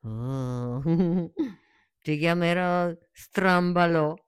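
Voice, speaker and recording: A woman voicing a shy, tender young tree in a children's story, speaking softly and hesitantly. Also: lowish voice, lively intonation, takes it slowly, smooth, no echo, clean studio sound, pitched above the performer's own voice. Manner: soft, hesitant and wondering.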